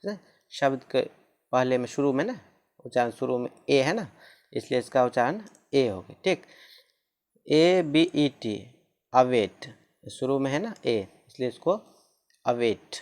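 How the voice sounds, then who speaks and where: A man's voice: medium pitch, darkish tone. A man teaching a lesson on pronunciation rules, repeating each rule and spelling out words letter by letter.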